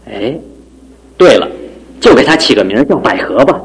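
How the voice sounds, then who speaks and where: A man's voice: mid-range voice, very animated, moderate pace. An actor playing a bitter, stubborn husband and father who craves a son, in theatrical radio drama style with a stammering delivery. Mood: delighted.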